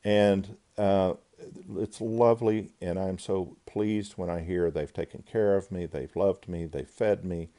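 Man, low voice, very dark and mellow tone, grief counselor guest, measured, thoughtful, pauses often. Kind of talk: reflective interview answers.

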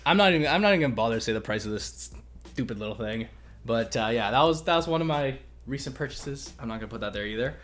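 A Canadian man hosts an investing channel, fielding questions in a casual chat. He talks fast at a medium pitch, rambling in a relaxed way with plenty of fillers and restarts.

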